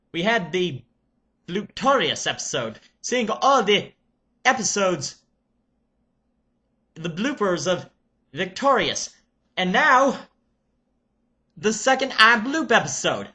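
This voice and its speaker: A man playing an excitable TV reviewer character with a Serbian accent, exclamatory and halting as he reviews. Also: high voice, exaggerated voice. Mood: excited. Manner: loud, exclamatory, halting with ums. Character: excitable male Nickelodeon reviewer character, the Nutcase.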